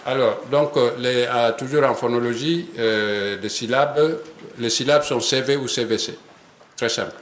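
A man's voice: mid-range voice, a little slow, slight background noise. Hesitant man lecturing in a roomy hall. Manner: hesitant, many fillers, chuckles at times. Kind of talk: academic lecture. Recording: roomy hall with faint ambience.

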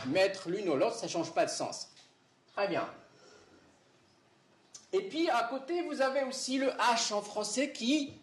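A man's voice: fairly high pitch, echoey room. A man giving a lecture, explaining step by step and often checking that his students follow. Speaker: university lecturer.

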